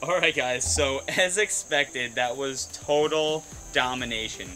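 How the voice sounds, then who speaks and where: A man hosting a hobby vlog outdoors, explaining an experiment with energetic, cheerful talk. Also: mid-range voice, measured pace, heavy background noise. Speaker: RC hobby channel host. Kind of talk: excited demo vlog.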